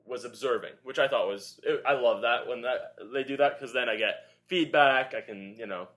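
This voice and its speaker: A man's voice: mid-range voice, normal speed. Rambling podcast co-host man. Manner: rambling, animated storytelling with frequent filler. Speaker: podcast co-host and Pilates instructor. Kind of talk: casual podcast chat.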